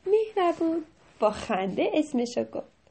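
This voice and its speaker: A woman telling a children's story in a gentle storybook manner. Her voice sits fairly high with a touch of gravel and a mellow tone, and she sometimes sinks into a soft whisper. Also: sing-song.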